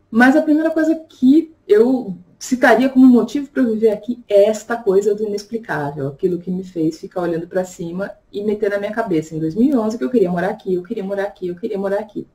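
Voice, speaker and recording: A Brazilian woman who vlogs and reads tarot talks casually to her channel in a reflective personal vlog. She's chatty, regularly checking in with viewers through frequent tag questions, and her medium-pitched voice is mellow.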